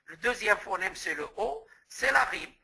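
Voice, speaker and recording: A man's voice: sits high, lively intonation, moderate pace, creaky, bright, forceful tone, slightly rough, rough recording. A man from Morocco giving a lecture as a teacher trainer, explaining step by step and restating terms with word examples.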